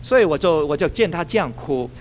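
A male pastor preaches with a somewhat high voice that leaps up and down as he tells his story. He is animated and laughs at his own jokes. A faint noise sits under his words. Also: brisk. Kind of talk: sermon with a retold story.

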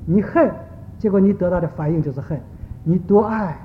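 A man voicing a patient mother gently teaching her son a lesson. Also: sits high, normal speed, in a large hall, phone-quality sound, slight background noise, voice pushed down, close to an everyday voice. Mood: gentle. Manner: gentle, soft-spoken.

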